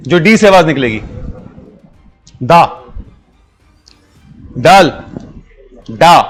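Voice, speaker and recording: A man teaches a class, explaining things patiently one step at a time. His voice sits high for a man, and he keeps dropping English phrases into his Hindi. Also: fairly bright tone. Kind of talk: classroom lesson.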